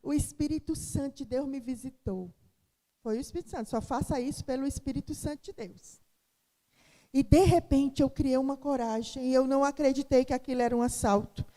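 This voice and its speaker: A woman's voice: sits high, brisk, dark tone. A middle-aged woman pastor from Brazil giving a sermon testimony, telling her story dramatically and acting out the voices of the people in it. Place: church. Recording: long hall reverb.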